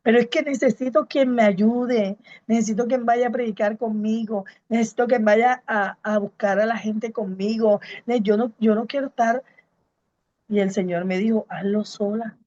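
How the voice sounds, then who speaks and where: A woman's voice: on the high side, steady tone, moderate pace, darkish tone, no room sound, muffled recording. A woman pastor and evangelist, giving a fervent preaching testimony to a congregation and repeating her key phrases. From Colombia.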